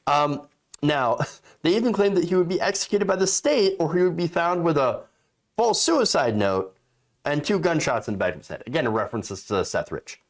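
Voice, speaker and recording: A man's voice: on the high side, very animated, moderate pace. A man giving indignant, opinionated political commentary as a host, stressing and repeating words for emphasis.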